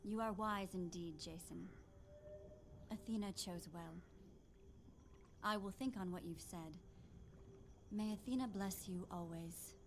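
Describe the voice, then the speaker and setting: Earnest, devout daughter, noisy background. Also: female voice, on the low side, a little slow, long pauses. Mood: grateful, devout. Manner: earnest, formal. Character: devout, troubled daughter questioning her faith and virtue. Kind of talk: video game character acting.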